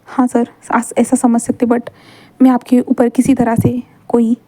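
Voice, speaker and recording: A woman voicing a young male student in a fan story read aloud. The student pleads softly and hesitantly, often repeating words. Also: a little high, monotone, measured pace, dry recording, close to an everyday voice. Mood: pleading.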